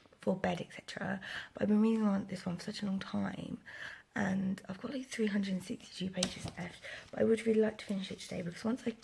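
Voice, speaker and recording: Woman, 20s, whispering vlogger; breathy, low and husky, rambling chat, slight sore throat. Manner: rambling, many fillers and restarts. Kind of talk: casual whispered vlog. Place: home, indoors. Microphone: close camera.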